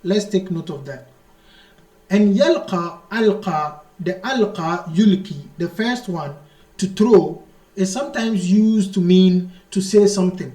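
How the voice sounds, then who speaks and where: A man with a high voice teaches an Arabic grammar lesson in a room with strong echo. He explains slowly and repeats key terms, reading the Arabic text out fast and then translating it into English at an unhurried pace. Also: animated, dark tone. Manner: slow, repetitive explanation, mixing English with read-out Arabic.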